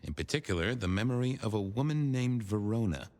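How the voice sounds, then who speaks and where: An actor playing a genial old vampire detective in the manner of a 1930s beat cop, courtly, wordy and wry in a noir video game. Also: male voice, on the low side, lively intonation, brisk, darkish tone. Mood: wry, chummy.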